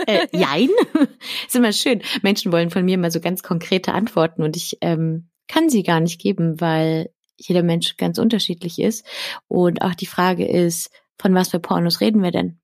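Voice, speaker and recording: Lively woman sex educator on a video call. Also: lowish voice, moderate pace, no room sound, clean studio sound. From born in Poland, raised in Berlin. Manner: lively, explains with many examples and asides. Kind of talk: casual podcast interview over video call.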